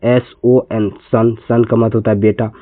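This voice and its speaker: A man's voice: fairly low pitch, little pitch movement, a little slow, no room sound. A man from India teaching an English reading lesson, spelling words letter by letter and repeating them patiently. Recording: tinny, phone-like lo-fi sound.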